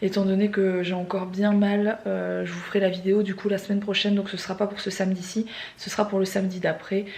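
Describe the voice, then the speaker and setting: A woman's voice: medium pitch, level tone, quick pace, gravelly, hardly any pauses, darkish tone. A woman family vlogger talking casually to her viewers, rambling with many fillers. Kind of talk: casual vlog chat.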